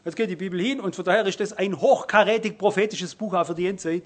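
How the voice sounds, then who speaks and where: Preacher, male, high voice, fervent sermon delivery that rises and falls. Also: quick pace. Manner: fervent, exhorting, swings between quiet and loud.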